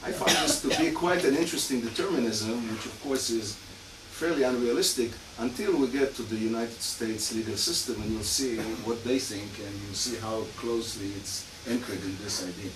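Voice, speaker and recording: This lecture comes from a male criminologist whose accent blends Hungarian and Israeli, speaking at a moderate pace in a mid-range voice with few pauses. Fillers and dry asides abound. The room echoes like a hall, and the distant mic picks up noise.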